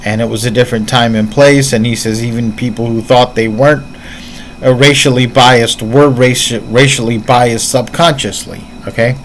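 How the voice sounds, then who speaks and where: A man's voice: medium pitch, fairly even intonation, moderate pace, slight background noise, poor audio. Earnest man thinking aloud. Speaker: martial arts commentator. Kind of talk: casual reaction commentary.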